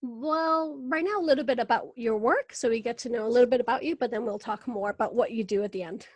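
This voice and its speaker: A woman's voice: a little high, fast talker, no room sound. A woman from Venezuela hosting a podcast interview, bubbly and laughing often in casual chat. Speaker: podcast host.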